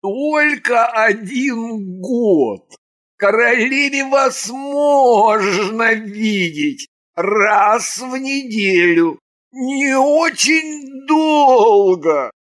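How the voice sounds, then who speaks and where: A woman narrator puts on a rattling, creaky-voiced court mage who barks stern orders. He stretches his words out slowly and raises his voice to insist. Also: on the high side, animated, voice pushed up. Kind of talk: audiobook character voice.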